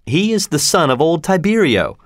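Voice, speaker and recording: A man's voice: a little high, very animated, normal speed, dry recording, pitched above the performer's own voice. A nurse in a noble household answers in a matter-of-fact way, as a man reads her part. The recording is dry and close. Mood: plain. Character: woman servant, a girl's nurse.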